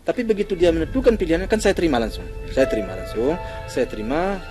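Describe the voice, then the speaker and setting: An older man tells what happened in halting phrases, stopping often to search for words. His voice sits fairly high for a man, with music playing clearly underneath. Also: sing-song. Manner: halting, with many pauses and fillers. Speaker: interviewee, father of the deceased. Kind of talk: emotional recounting in an interview.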